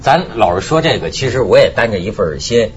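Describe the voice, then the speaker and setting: A man's voice: on the low side, very animated, fast, loud music behind the voice. A man hosting a talk show in casual chat, telling stories animatedly and laughing often. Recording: slightly muffled broadcast audio.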